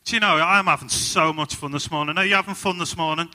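A man's voice: a little high, quick pace, pushed and bright. A young man with a Liverpool accent preaching a sermon full of personal stories, upbeat and jokey, with plenty of ums.

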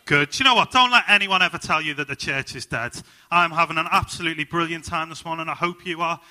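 A man's voice: fairly high pitch, fast, bright, forceful tone. A young man with a Liverpool accent preaching a sermon full of personal stories, upbeat and jokey, with plenty of ums.

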